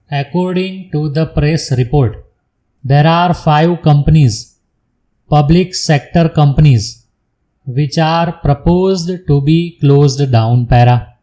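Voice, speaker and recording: Slow dictation man, mellow. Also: fairly high pitch, low-quality recording. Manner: measured delivery in short separated phrases, announcing paragraph breaks. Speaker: shorthand dictation reader.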